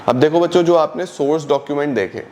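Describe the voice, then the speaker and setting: A young man teaches an online accountancy class. He explains each point step by step, asking questions and then answering them himself. He reads English definitions slowly and then explains them in Hindi. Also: a little high, noisy background. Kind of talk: online lesson.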